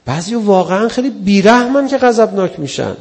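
High-voiced preacher man with a gravelly edge. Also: very animated, a little mellow, big-room sound. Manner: earnest, conversational, acts out quoted people. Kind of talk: religious sermon.

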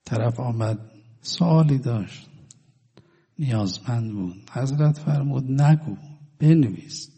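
A man preaching a sermon, telling stories and swinging between loud declaiming and hushed, drawn-out words. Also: mid-range voice, husky, long reverb tail. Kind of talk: religious sermon with storytelling.

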